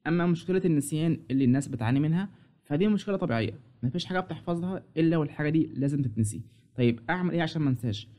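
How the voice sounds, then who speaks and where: A man's voice: fairly high pitch, lively intonation, very fast, mellow. A man with an Egyptian Arabic accent giving a direct, instructive lesson with study tips, speaking straight to the viewer. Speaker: English teacher.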